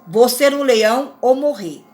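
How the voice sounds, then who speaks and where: A humble young sheep from a storybook fable, as a woman reads him, meek and earnest. The voice is fairly high. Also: lively intonation, measured pace, a little mellow. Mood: resolute. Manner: meek, pleading. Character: humble young male sheep longing to change.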